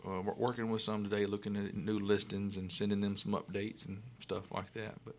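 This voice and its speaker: A man's voice: on the low side, flat delivery, fairly quick, a little mellow, a little hiss or hum. A man co-hosting radio in casual, plain-spoken, folksy conversation. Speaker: radio co-host, real estate agent. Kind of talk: casual on-air chat. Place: radio studio.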